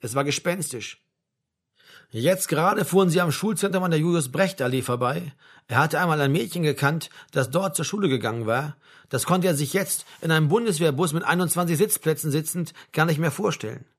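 Man with a fairly high voice reading a novel. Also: brisk, husky. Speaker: audiobook narrator. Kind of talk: scripted narration.

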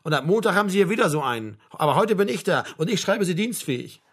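A man voicing a blunt, mocking old male doctor with a gruff, brusque manner. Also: high-pitched, big pitch swings, fast, a bit bright, heavily acted. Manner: gruff, brusque, with a bleating laugh.

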